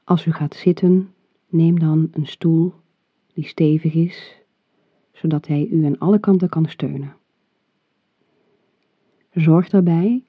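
A relaxation guide leading a meditation in a calm, soothing, soft and breathy voice, giving measured instructions. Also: mid-range voice. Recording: muffled phone-like audio, roomy echo.

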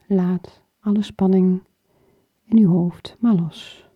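A woman guiding a muscle relaxation exercise in short, soothing phrases, her soft breathy voice often falling toward a whisper. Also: lowish voice, fairly even intonation. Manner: slow, soothing, with pauses between short phrases. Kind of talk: guided muscle relaxation instruction. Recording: dull lo-fi recording with room echo.

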